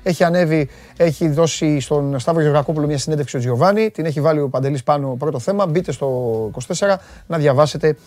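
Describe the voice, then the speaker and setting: Loud rough-voiced male sports show host. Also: a little high, no echo. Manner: chatty, teasing, jokey asides to viewers. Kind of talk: casual live sports talk. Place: studio.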